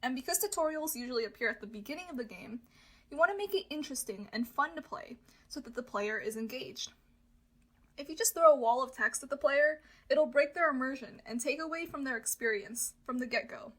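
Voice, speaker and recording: A woman's voice: sits high, animated, a little fast, fairly bright tone. A woman lecturing, giving a prepared, instructional explanation directly to her listeners. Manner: lecturing, clear instructional phrasing addressed to listeners.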